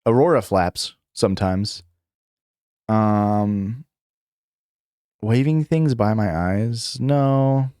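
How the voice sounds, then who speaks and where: A young adult man streams live, reading questions aloud and giving rambling, casual replies packed with fillers, restarts, self-corrections and chuckles. He talks extremely slowly with frequent pauses, in a lowish, mellow, clear and resonant voice, recorded clean in a studio without echo.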